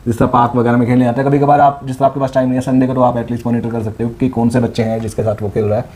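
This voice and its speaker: A man's voice: medium pitch, little pitch movement, very fast, a little mellow. A man co-hosting a vlog, explaining parenting tips earnestly and often checking in with "right?". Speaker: co-host, father. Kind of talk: casual parenting advice chat.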